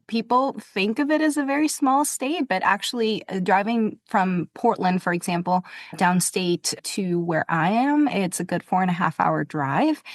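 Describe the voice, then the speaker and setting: A woman from Venezuela, a pediatrician, answering podcast interview questions in a measured, explanatory way. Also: fairly low pitch, no room sound, clean studio sound.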